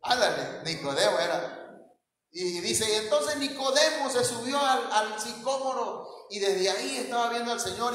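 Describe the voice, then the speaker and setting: A male pastor preaching in a high voice, telling the story and checking that his listeners follow. His voice rings through a large, very reverberant church hall with a long echo. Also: fairly bright tone. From Mexico. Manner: storytelling, asks the congregation questions, chuckles at his own slips. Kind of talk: sermon.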